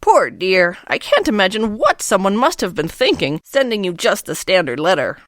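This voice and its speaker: A man's voice: sits high, sing-song, moderate pace, a bit bright, no echo, studio quality, voice pushed up. A man voicing a kindly, fussy old woman neighbor in an audiobook, with a doting manner. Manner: doting, fussing. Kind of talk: audiobook character voice.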